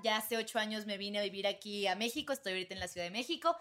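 A woman in her twenties from Venezuela, a guest chatting casually on a podcast, reflective and trailing off softly. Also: medium pitch, rapid-fire. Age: 20s.

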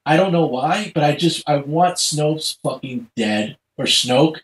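High-voiced man in an echoey room. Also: expressive, measured pace. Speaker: podcast panelist. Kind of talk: casual film discussion.

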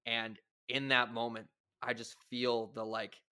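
Bright-voiced man hosting a podcast. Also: mid-range voice, level tone, unhurried, smooth. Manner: enthusiastic, analytical. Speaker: podcast host. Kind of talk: casual chat.

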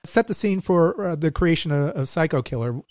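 A man's voice: on the high side, lively intonation, moderate pace, darkish tone. Rambling man asking hesitant questions. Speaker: podcast host. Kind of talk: casual interview.

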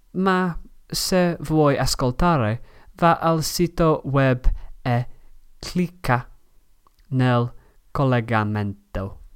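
A male podcast host from England narrates from a script with a clear English accent in his Italian. He goes slowly and haltingly, as a learner does, in a smooth, clean voice. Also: mid-range voice. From Manchester, England. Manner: halting, learner's phrasing and pronunciation.

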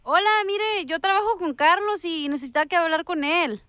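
High-voiced woman making a prank call. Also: normal speed, fairly bright tone, no room sound, studio quality. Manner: feigns innocence, repeats herself to provoke. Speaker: prank caller.

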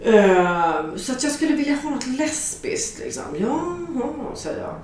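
A middle-aged woman telling a story aloud in a frank, lively way, swearing casually and acting out the dialogue. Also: on the high side, a little hiss or hum. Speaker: author telling an anecdote. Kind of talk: spoken storytelling to an audience. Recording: very echoey, from a distance.

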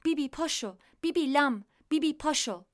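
A woman voicing a chattering pet starling that repeats words in shrill, squawking bursts. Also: animated. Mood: excited. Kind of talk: storybook reading.

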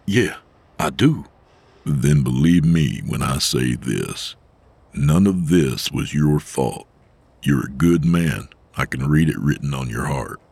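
An actor playing a big, gruff male vigilante Santa in an audio drama, talking in a slow, steady, reassuring way. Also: no room sound, exaggerated voice. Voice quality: deep gravelly voice.

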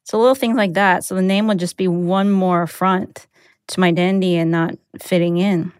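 Her lowish voice is clear and resonant, with fairly even intonation and a moderate pace, recorded at studio quality with no room sound. She's a U.S.-based American whose native tongue is Mandarin, recounting a personal story conversationally and dropping in "like" and "you know."

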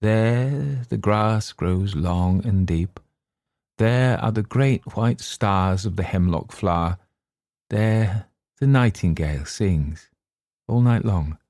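Man doing a storybook ghost, ancient and sleepless, low dreamy faraway voice, very deep, dry close sound. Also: takes it slowly, darkish tone, no echo. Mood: dreamy, longing. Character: weary centuries-old male ghost, sad and sleepless. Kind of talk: audiobook reading.

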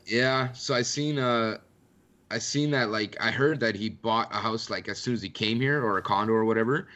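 Young man from canada, podcast guest, bright forceful voice, lower pitch, rambling casual talk. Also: normal speed, muffled recording. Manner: loose, rambling, heavy use of "like".

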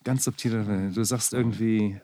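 Casting: man, low voice, dry studio sound, rambling casual co-host with lots of restarts. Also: steady tone, dark tone, no room sound. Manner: rambling, halting, many restarts and fillers. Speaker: podcast co-host. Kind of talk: casual chat. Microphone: studio microphone.

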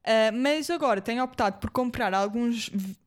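A young woman with a European Portuguese accent and a slightly high voice co-hosts a podcast. She chats casually and informally, with plenty of slang. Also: normal speed. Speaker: podcast co-host. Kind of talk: casual chat.

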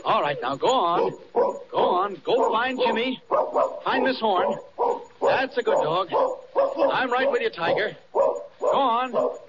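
A man's voice: very high-pitched, animated, slow pace, long pauses, lo-fi sound, over a noisy crowd, exaggerated voice. An actor playing an anxious heroic man calling out and urgently coaxing a dog, in 1940s radio acting on an old recording.

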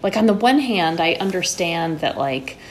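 A woman novelist talks as a guest in a casual chat, often restarting her sentences and filling gaps with "like" and "you know." Her voice sits slightly low. She was raised in New York. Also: animated, slight background noise. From Connecticut-born, raised in New York. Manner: halting, restarts, many "like" and "you know" fillers. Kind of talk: casual conversation.

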